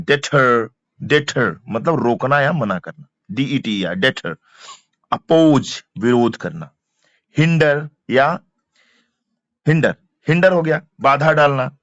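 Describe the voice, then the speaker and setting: A male teacher, repeating each word slowly and drilling pronunciation. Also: medium pitch, fairly bright tone, dry recording. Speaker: vocabulary teacher. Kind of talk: exam-prep vocabulary lesson. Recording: dull, dry lo-fi sound.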